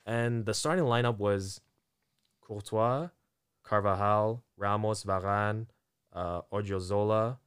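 A man in casual chat, telling a story with animated delivery, acting out quotes and laughing often. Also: on the low side, slow, clear, resonant tone.

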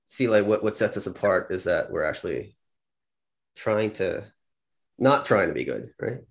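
Podcast dude rambling away, kinda low voice but swings up and down a lot, bit of vocal fry. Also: male voice, big pitch swings, normal speed. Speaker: podcast co-host. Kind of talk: casual chat.

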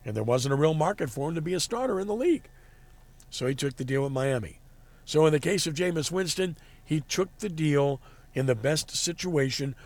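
A man hosting a sports talk radio show, giving commentary. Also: fairly high pitch.

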